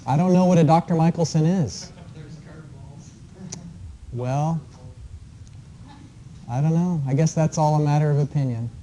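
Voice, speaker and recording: A man teaching an engineering class, explaining problems in a relaxed way with frequent ums and uhs. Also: a little high, a little slow, pauses often, poor audio. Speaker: engineering professor. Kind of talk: classroom lecture. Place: lecture classroom.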